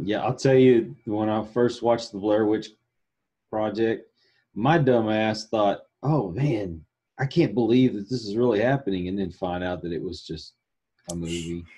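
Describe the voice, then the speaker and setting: A man chatting casually as an interviewer, informal and animated, acting out his reactions. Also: fairly low pitch, husky. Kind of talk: casual chat.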